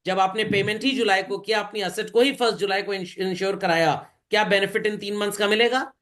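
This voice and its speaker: A male accounts teacher lectures his class in a high, fairly quick, slightly bright voice with fairly even intonation. Mixing Hindi and English, he calls listeners bhai and children, and he asks the students questions, then answers them himself as he explains.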